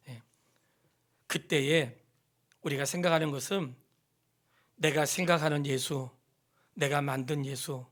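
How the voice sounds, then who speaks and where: Fervent Korean man preaching a sermon. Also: fairly high pitch. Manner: emphatic preaching, swings from loud exhortation to hushed near-whispers; questions the congregation and has them repeat lines. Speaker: pastor. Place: church sanctuary.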